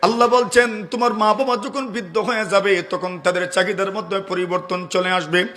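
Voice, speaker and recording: A male Islamic preacher giving a waz sermon. He chants Quranic verses in a slow melody and keeps asking the crowd rhetorical questions. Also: high-pitched, steady tone. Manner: asks the audience rhetorical questions; swells to loud emphatic peaks, then drops to soft storytelling.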